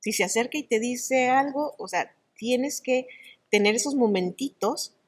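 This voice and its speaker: Expressive woman telling stories. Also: fairly high pitch, a little slow. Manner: animated, expressive storytelling with many restarts. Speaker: guest, actress and oral storyteller. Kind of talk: conversational interview.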